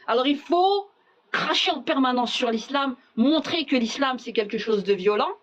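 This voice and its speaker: A woman's voice: high-pitched, animated, normal speed. A woman hosting a casual live chat, talking bluntly and sarcastically, dropping Arabic phrases into her speech. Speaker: livestream host.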